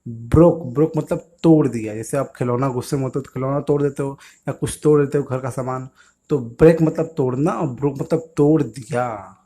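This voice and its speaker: A man's voice: mid-range voice, fairly quick, warm tone, faint music behind. Patient man teaching little kids. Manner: patient, asks questions and answers them himself. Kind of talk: explaining English vocabulary to young children.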